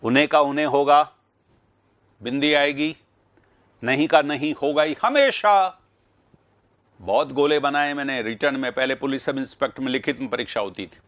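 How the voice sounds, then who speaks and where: A man's voice: medium pitch, brisk. A middle-aged man teaching Hindi spelling in a live online class, correcting and praising students by name. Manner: animated, stresses words loudly when correcting, praises students often.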